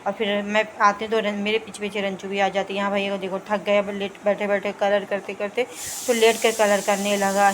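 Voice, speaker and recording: A young woman vlogger narrates her household routine at home in a chatty, casual voice-over, talking a little fast. Her middle-range pitch barely moves, so the delivery stays even and level, with faint household noise underneath.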